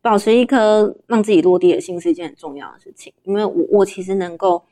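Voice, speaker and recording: A woman's voice: mid-range voice, quick pace, dark tone. A young adult woman with a Taiwanese Mandarin accent, chatting candidly as a guest in a casual interview. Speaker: interview guest, livestream shopping host.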